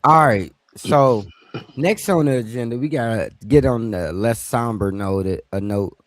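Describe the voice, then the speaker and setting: A man's voice: medium pitch, a little slow, dry recording. A man hosting a podcast in easygoing, informal casual chat, steering the show through its agenda. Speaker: podcast host.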